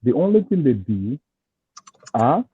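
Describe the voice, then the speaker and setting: A man in a casual roundtable discussion, insistent and quick to cut in. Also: mid-range voice, very animated, breathy edge, no room sound. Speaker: discussion panelist. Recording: tinny phone-like line.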